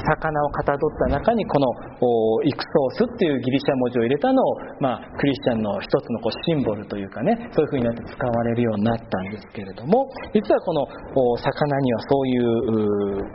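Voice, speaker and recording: A male pastor giving a sermon, patiently explaining and pausing with long drawn-out fillers between phrases. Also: medium pitch. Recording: muffled with steady background noise.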